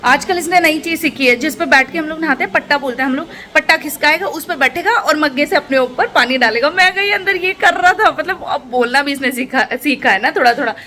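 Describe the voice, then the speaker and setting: Young woman vlogging at home, high voice, chatty and easygoing, lots of noise behind. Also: fairly quick, few pauses, bright, forceful tone. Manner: chatty, switching to sing-song baby talk with her toddler. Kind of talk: casual home vlog chat. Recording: noisy home recording.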